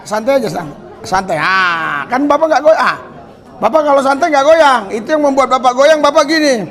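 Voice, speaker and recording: A man acting as a faith healer who coaxes, commands and hushes people with repeated shushing during a healing prayer service. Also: very high voice. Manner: coaxing, commanding, hushing with repeated shh.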